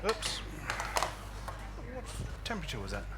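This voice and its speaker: A man's voice: on the high side, huge pitch swings, measured pace. A South African man with a whistling s, chatting informally as he gives a live cookery demonstration as a chef. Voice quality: whistling s from a false tooth. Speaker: chef giving a cooking demonstration. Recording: live event with clear background noise.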